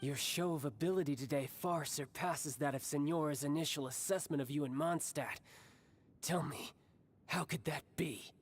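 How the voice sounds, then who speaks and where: A man's voice: a little high, normal speed, slight background noise, natural voice. An actor voicing a cocky, battle-hungry young male villain in a video game, with a taunting, mock-polite, theatrical delivery. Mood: composed, amused. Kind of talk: scripted video game voice acting.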